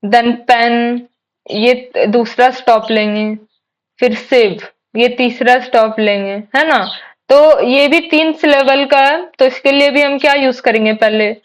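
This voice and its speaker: A woman's voice: fairly high pitch, unhurried, rough recording. A young woman teaching an English grammar lesson online, explaining step by step in a patient way and often checking that students follow. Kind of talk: online exam-prep lesson.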